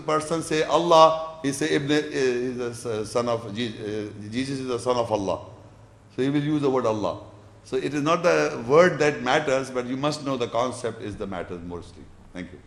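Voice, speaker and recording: This man speaks at medium pitch with lively intonation and a moderate pace. He is lecturing in an echoey hall and fielding audience questions, patiently explaining, repeating words as his sentences take shape, and reciting scripture verses in Arabic.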